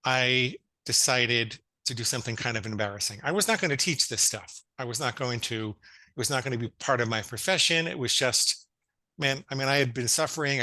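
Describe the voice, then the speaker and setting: Man in his fifties, guest psychologist, earnest and stammering, bright and dry sound. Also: mid-range voice, no room sound. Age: 50s. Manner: earnest storytelling with stammered restarts. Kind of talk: casual interview chat.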